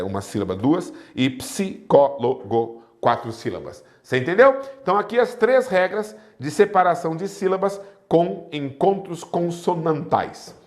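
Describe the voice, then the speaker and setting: A man with a Brazilian Portuguese accent teaching an exam prep lesson, who keeps checking in with his students and spells out examples syllable by syllable. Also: medium pitch. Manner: checks in often with the class. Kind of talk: recorded online lesson.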